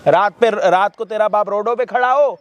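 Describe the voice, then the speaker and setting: A man with a high voice hosts a staged prank video. He scolds loudly, repeats words over and over and swears freely, treating it as a confrontation. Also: normal speed.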